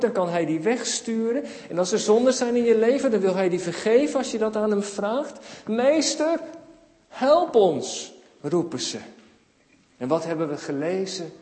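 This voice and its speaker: A man's voice: high-pitched, darkish tone. A man giving a children's sermon in a church, telling the story with questions to the children and acting out the cries of the people in it. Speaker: preacher. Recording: echoey hall with long reverb.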